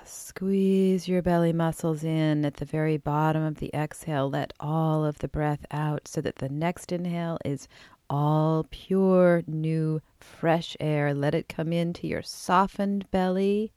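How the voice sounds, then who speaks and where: A woman yoga teacher guiding a relaxation meditation, soft and soothing, often trailing into a breathy near-whisper, with drawn-out phrases. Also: sits low, steady tone, dry recording, clean studio sound. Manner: unhurried, with drawn-out phrases and pauses.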